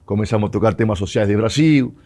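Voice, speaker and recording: Quick and dark-toned, with a lowish pitch, the voice comes from a Uruguayan man who once played football. Spanish is his first language, and in this storytelling interview he switches between it and Portuguese, laughing a lot.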